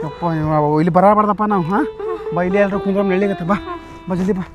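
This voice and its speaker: A man with a North Karnataka Kannada accent acting in a comic sketch, talking in a fast, panicky way. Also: high voice, fairly even intonation, over music. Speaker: comedian.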